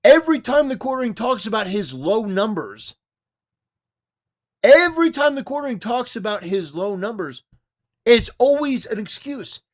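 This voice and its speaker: A man with a notably high-pitched voice delivers live-stream commentary full of scorn. He talks straight at his target, confrontational and cutting. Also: very animated, normal speed.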